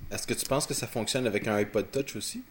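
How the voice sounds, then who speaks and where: A man with a Quebec French accent co-hosting a casual technical talk, explaining haltingly and often repeating words. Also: on the low side, a little hiss or hum. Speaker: podcast co-host.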